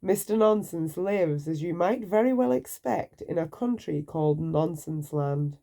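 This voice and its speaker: A woman's voice: fairly low pitch, lively intonation, a little slow, creaky, warm tone. A woman reading a children's bedtime story aloud, playful, putting questions to the listener.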